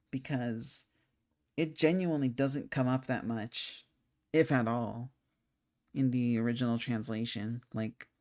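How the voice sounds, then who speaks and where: A man's voice: mid-range voice, darkish tone. A young man talking casually about a video game, rambling and thinking aloud with many fillers and restarts, hiccuping now and then. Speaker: game commentator. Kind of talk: casual spoken game discussion.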